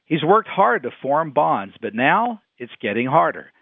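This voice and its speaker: A man's voice: fairly high pitch, sing-song, a little slow, vocal fry, husky, dry recording. A man delivering a scripted radio commentary, emphatic and quoting his sources. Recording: dry phone-like radio sound.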